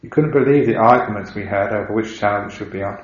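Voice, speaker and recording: An Englishman who is a Buddhist monk, giving a dharma talk in an unhurried, reflective storytelling way with gentle humor. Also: on the low side. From England. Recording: dull, roomy recording.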